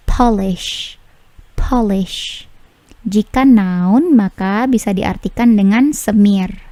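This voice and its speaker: A woman teaching English vocabulary in a careful, deliberate way, repeating each word slowly. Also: medium pitch, dark tone, dry recording. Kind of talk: slow vocabulary lesson.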